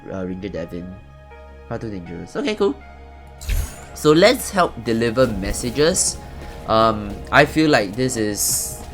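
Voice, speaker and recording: A man's voice: lowish voice, a bit bright. A man giving chatty, rambling commentary as the host of a casual let's-play. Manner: chatty, rambling, swears lightly. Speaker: gaming channel host.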